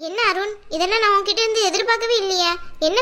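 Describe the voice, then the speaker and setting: A woman's voice: extremely high pitch, steady tone, quick pace, pushed and bright. A woman voicing a stern older aunt who scolds her nephew bluntly in a family drama skit. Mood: scolding.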